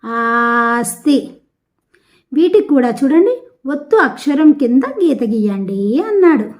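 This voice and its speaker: A woman from the Telugu-speaking south of India teaches a language lesson, taking each textbook word slowly and repeating its syllables so pupils can follow. Her voice sits a little high. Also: big pitch swings, darkish tone. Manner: slow, deliberate, repeating words and syllables for pupils. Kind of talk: classroom lesson explaining a textbook exercise.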